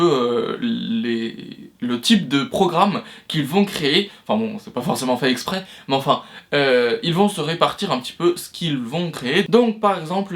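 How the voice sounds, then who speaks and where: A young man hosting an educational video on film history, talking loosely with many fillers and restarts. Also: sits high. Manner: loose, hesitant delivery full of fillers and restarts. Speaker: history of cinema video host. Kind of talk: casual educational talk.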